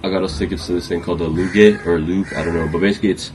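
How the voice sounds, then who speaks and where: Deep-voiced easygoing young man. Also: fairly even intonation, racing. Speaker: travel companion. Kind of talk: casual vlog chat. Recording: loud background noise.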